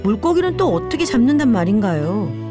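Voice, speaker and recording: A woman's voice: a little high, very animated, brisk. A woman reads scripted nature documentary narration in a storytelling manner, speaking as if she were one of the animals. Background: background music.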